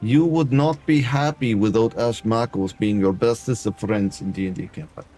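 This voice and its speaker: A game streamer with a fairly low, mellow voice commentates a building game at normal speed, addressing his chat in a put-on broken-English accent of a mock Eastern European dictator and dropping articles. The recording is low quality, with soft music behind him.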